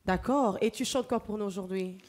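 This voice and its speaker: A woman, a talent show judge, asking contestants brisk, friendly questions through a headset mic. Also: mid-range voice, a little mellow. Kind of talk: brief audition questions.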